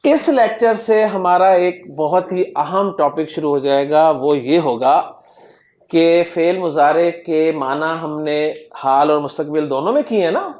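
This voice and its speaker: A man teaching Arabic grammar in a classroom lecture. He drills word forms slowly and keeps quizzing his students. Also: fairly high pitch, expressive, a little mellow. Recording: echoey classroom recording.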